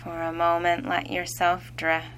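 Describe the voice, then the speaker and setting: Brief: woman, guided relaxation voice, deep-toned, hushed and calm. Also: a little hiss or hum. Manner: slow, soothing, hushed. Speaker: meditation guide.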